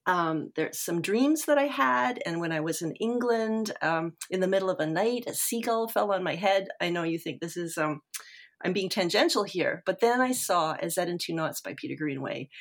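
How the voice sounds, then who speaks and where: A woman's voice: on the low side, animated, moderate pace. A woman guest in a casual interview, rambling and self-deprecating with many fillers and restarts. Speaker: guest filmmaker.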